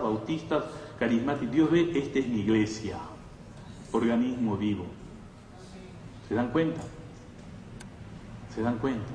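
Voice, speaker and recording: With a Latin American Spanish accent, a man preaches a conversational sermon to his congregation, emphatic, repeating phrases and posing rhetorical questions. His voice is medium-pitched and darkish. The mic sits far off in an echoey hall with faint noise.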